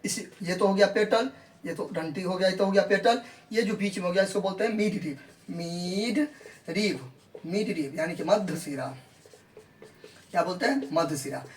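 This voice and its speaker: Speaking at a normal speed in a high-pitched voice, a male biology teacher holds up a real leaf for his class. He goes over every point twice, answers the questions he raises, and gently coaxes the students, whom he calls "babu log."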